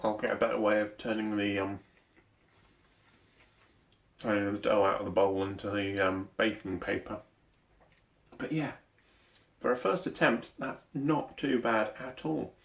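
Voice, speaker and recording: A man's voice: fairly low pitch, vocal fry. A man chatting casually in a home cooking vlog, self-deprecating and talking while he eats. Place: home kitchen. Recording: roomy kitchen echo.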